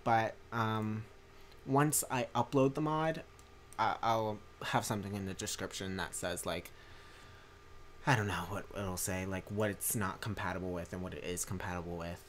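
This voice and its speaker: Young male streamer, low voice, rambly and tired, faint hiss behind. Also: steady tone, normal speed, fairly bright tone. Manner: rambling, many fillers and restarts. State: tired from a long day. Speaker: streamer and mod maker. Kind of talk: casual livestream commentary.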